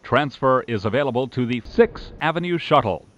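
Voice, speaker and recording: A man's voice: mid-range voice, expressive, brisk. A man giving formal transfer and last-stop announcements over a subway train intercom. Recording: lo-fi loudspeaker sound.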